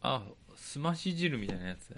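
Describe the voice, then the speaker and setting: A man co-hosting a podcast in a Tochigi accent, with a voice of ordinary middle pitch. He reads listener letters in a polite, even way, then slips into loose, joking chatter. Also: normal speed, vocal fry, a little hiss or hum. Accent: Tochigi dialect. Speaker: podcast co-host. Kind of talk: reading listener mail, casual banter.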